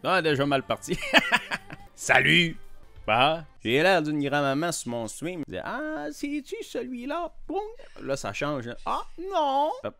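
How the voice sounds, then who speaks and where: A man's voice: a little high, very animated, slow pace, creaky, sharp tone, faint music behind. A young man with a Québécois accent, chatting casually and teasing his viewers while streaming a quiz game, laughing often. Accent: Québécois French. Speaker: Twitch streamer. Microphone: desk microphone.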